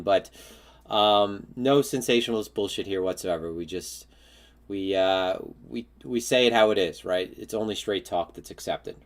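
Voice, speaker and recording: A laid-back man chats with his viewers as a livestream host. His voice sits a bit low, and his talk is loose and unscripted, full of ums and uhs. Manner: relaxed, laid-back, frequent filler words. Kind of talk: casual livestream chat.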